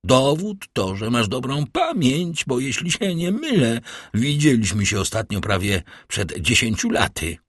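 A man's voice: fairly low pitch, measured pace, husky, no room sound, studio quality, full character voice. A man voicing a cool, ironic nobleman. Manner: calm, ironic, self-assured. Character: calm ironic nobleman posing as a priest. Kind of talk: audiobook character voice.

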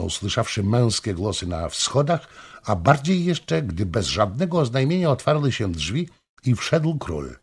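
Casting: male audiobook narrator, slow and dramatic, gravelly husky voice, lively pitch. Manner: dramatic, expressive reading. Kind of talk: scripted narration of a historical novel.

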